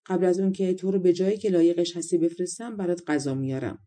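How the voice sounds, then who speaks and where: A woman's voice: fairly low pitch, steady tone, mellow, lightly acted. A woman voicing a haughty, scornful fairy queen in a storybook reading. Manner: scornful, commanding.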